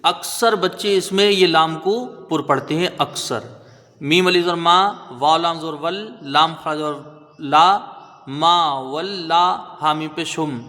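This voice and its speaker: A man teaching Quranic recitation, spelling out letters and then slowly chanting each word, often checking with "right?". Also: on the high side, sharp tone, big-room sound. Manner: patient, drawn-out chanting of each word, frequent "theek hai?" checks.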